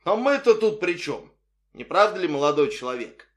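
Guy doing a snooty nobleman cabbie, talks slow and lofty, high and bouncy. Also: sing-song. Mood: condescending. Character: Russian émigré taxi driver, haughty nobleman, middle-aged man.

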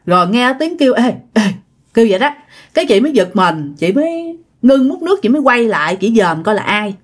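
A woman's voice: fairly high pitch, sing-song, fast talker. A woman with a Southern Vietnamese accent, narrating a ghost story in a chatty way that talks straight to her listeners. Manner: chatty, addresses listeners directly.

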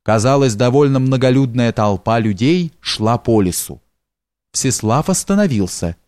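A man narrating a historical novel in a steady, measured reading. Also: mid-range voice, dry recording, studio quality. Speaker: audiobook narrator.

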